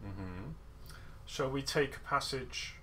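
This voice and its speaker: A man leads an online guitar lesson over a video call, with a voice of ordinary middle pitch. He is playful and encouraging but nitpicky about detail. He often sings rhythms in nonsense syllables to demonstrate. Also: slow, a bit bright, slight background noise. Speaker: guitar masterclass teacher. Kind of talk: online music lesson coaching.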